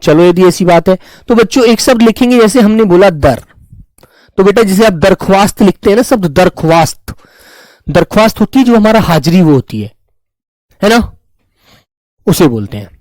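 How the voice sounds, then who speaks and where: A man with a high voice teaches grammar to an online class, repeating each term slowly and calling his students dear children. He stops to answer viewers' comments. The sound is dry and close. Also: animated, a little mellow, dry recording, low-quality recording. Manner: addresses students fondly as children, repeats terms.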